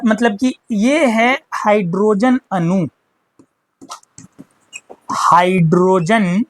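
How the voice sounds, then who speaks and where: Woman teacher repeating terms slowly. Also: medium pitch, dry recording. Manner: repeats key terms slowly, asks and answers her own questions. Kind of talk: chalkboard chemistry lesson.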